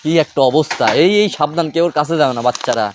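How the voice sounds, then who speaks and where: A man, filming outdoors and calling out excited, half-joking warnings. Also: a little high, quick pace. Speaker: vlogger filming a rooftop "ghost". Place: village yard outdoors, in daytime. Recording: noisy outdoor phone recording.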